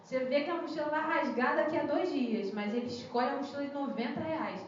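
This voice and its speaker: A woman's voice: sits high, fairly quick, a little hiss or hum. A young woman preaching a sermon in a church, chatty and full of questions to the congregation. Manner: conversational, asks the congregation questions. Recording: echoey church hall, muffled lo-fi sound.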